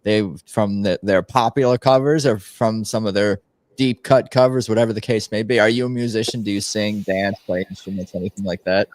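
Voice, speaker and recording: A man hosting a podcast who asks questions in a halting way and restarts his sentences often. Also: lowish voice, fairly even intonation, a little mellow, no echo. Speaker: podcast host. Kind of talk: casual interview chat.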